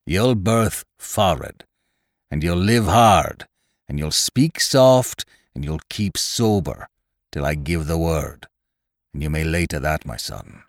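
A man voices a scheming one-legged pirate cook, an old sea dog, for an audiobook. His low, expressive voice is gruff, cunning and persuasive, delivered at a slow pace. It's clean studio sound with no room sound.

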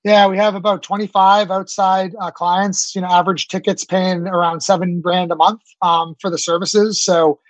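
A man's voice: sits high, flat delivery, moderate pace, hardly any pauses, dry recording, poor audio. A man in his late thirties, a startup founder answering interview questions eagerly, with many fillers and restarts. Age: 30s.

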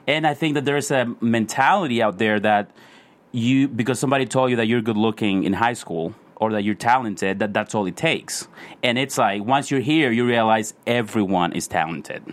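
A man's voice: medium pitch, moderate pace. A man, an actor guest, chatting casually and rambling with lots of "like" and "you know". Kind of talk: casual chat.

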